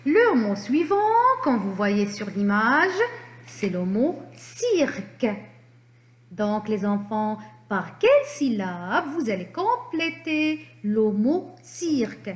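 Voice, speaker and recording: Woman teacher for small children, encouraging and very slow, in a roomy, echoing space. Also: mid-range voice. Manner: animated, encouraging, drawn-out syllables. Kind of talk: slow reading lesson for young children.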